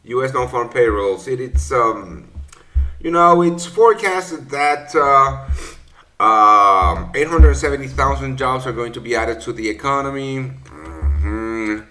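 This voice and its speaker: A man with a bright, mid-range voice talks slowly with lively intonation, hosting a trading session. He's a native Spanish speaker giving casual live-stream market commentary, rambling with lots of fillers and self-corrections.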